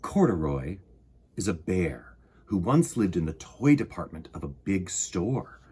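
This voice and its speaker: A man hosting storytime for children, speaking in an expressive, dramatic way as he chats and reads. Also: sits low, unhurried, breathy edge. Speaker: storytime host and reader. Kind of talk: chatty intro and animated children's storybook reading.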